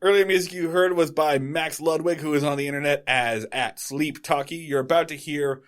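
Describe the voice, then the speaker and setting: A podcast co-host runs through the plugs in a casual outro, rambling loosely and correcting himself along the way. His voice is fairly high, with a steady tone and a normal pace.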